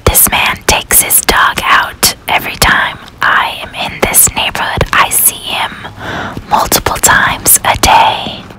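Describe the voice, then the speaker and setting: A woman's voice: slow, low-quality recording. A woman whispering ASMR commentary with dry humor while riding a subway train. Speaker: host.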